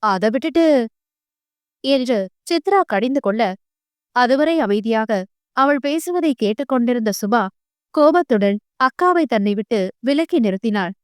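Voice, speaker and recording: High-voiced woman narrating a novel. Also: animated, normal speed, clean tone, dry recording, clean studio sound. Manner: dramatic, emotive. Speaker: audiobook narrator.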